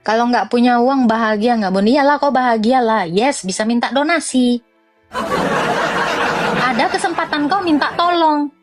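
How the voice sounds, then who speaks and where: High-pitched, blunt, mocking woman. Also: moderate pace, pauses often, loud music behind the voice, a loud crowd. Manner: blunt, mocking and animated, with laughs and swings of pitch. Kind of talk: informal religious commentary rant.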